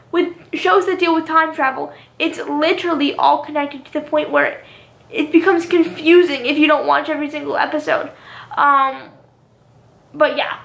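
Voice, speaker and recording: A young woman vlogging casually, rambling and filling gaps with "um" and "literally", a little hoarse from talking a long time. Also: high voice, a bit bright, echoey room. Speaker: YouTuber. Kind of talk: casual vlog monologue.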